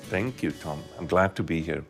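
A middle-aged man speaks as an interview guest, his voice sitting low. He thinks aloud, repeating and restarting words as he goes. Soft music plays faintly beneath him. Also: normal speed, creaky. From Switzerland. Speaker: guest, university professor. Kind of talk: casual interview storytelling.

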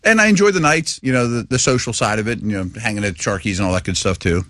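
A middle-aged man co-hosting a sports radio show, telling stories in an animated, self-deprecating way. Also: fairly low pitch, fast talker, no room sound, studio quality. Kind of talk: casual sports talk.

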